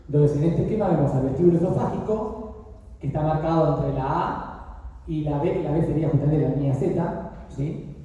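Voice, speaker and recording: A man's voice: a little high, fairly quick, mellow. An older man giving a medical radiology lecture, explaining slides and often checking that his students follow. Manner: explanatory, frequently checks understanding with "¿sí?". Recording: distant, dull echoey room.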